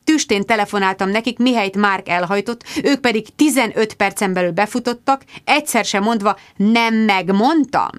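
A woman narrating a first-person novel as an audiobook, in a lively, expressive reading. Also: mid-range voice, hardly any pauses, no room sound, clean studio sound.

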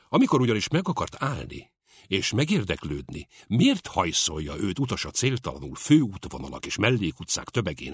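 A male audiobook narrator with a low, husky voice reads with lively, wide-ranging expression. The sound is dry and close, with no room around it. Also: no room sound. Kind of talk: scripted narration.

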